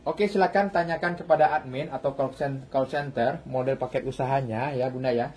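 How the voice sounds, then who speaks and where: Recording on a phone inside a shop, a man in his thirties sells clothes on a live stream, repeating hawker-style calls in his sales pitch. His voice is mid-range and darkish, with a little hiss or hum in the background.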